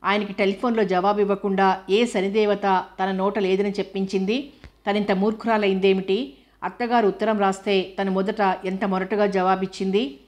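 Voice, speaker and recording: A woman reads a novel aloud in steady, scripted narration. Her pitch sits in the middle and barely moves, giving a flat, even line. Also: normal speed. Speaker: audiobook narrator.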